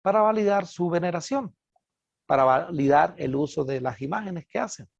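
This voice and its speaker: A man's voice: on the high side, expressive, moderate pace, gravelly, no room sound. A middle-aged man, a pastor giving an earnest recorded Bible lesson, addressing listeners as brothers. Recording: dull, dry lo-fi recording.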